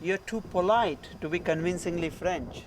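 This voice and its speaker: An actor playing a middle-aged doctor turned stubborn film producer, insistent and exasperated in conversation. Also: male voice, sits high, moderate pace, slight background noise, lightly acted, rough recording. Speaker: doctor and aspiring filmmaker.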